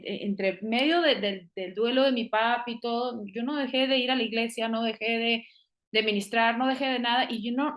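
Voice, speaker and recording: A middle-aged woman sharing a personal faith testimony in a casual conversation, speaking earnestly with many restarts and the odd English phrase. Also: on the high side.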